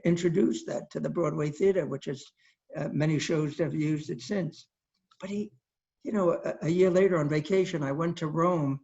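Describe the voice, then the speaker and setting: Gravelly older man telling stories. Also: a little high, a little mellow. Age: 80s. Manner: anecdotal, chatty, acts out quoted people. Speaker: solo performer. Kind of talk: theatrical storytelling monologue. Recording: dull lo-fi streamed audio.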